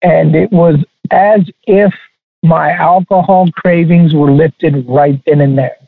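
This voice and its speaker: Male guest, gravelly voice, halting delivery, tinny dry phone line. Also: a little high, steady tone, dry recording. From Texas. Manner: halting, many restarts. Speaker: guest chef. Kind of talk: casual interview talk.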